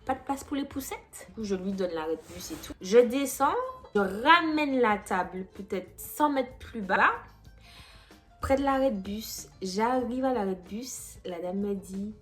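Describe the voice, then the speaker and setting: A young woman vlogger telling a story in an animated, sassy way, acting out the people in it. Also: medium pitch, unhurried, faint music behind. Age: young adult. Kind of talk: story time vlog.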